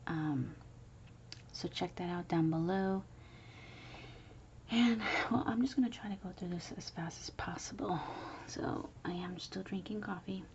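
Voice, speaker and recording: Woman whispering a casual craft show-and-tell at home, low voice, hiss in the background. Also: measured pace, long pauses, lo-fi sound. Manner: soft whispering, chatty, with fillers. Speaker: crafter showing handmade planners. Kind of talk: whispered early-morning craft video. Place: home, early morning.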